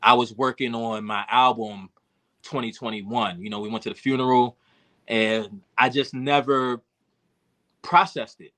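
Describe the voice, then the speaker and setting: Reflective man, bright forceful voice. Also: medium pitch, steady tone, a little slow. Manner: emotional, reflective, many fillers and restarts. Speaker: podcast guest, rapper and producer. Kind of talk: candid conversational storytelling.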